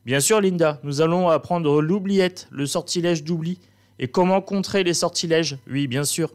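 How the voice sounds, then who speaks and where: A man's voice: fairly high pitch, normal speed. A man hosting, playing a mock-stern schoolteacher in a comic, theatrical way. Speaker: host. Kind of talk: comic teacher role-play.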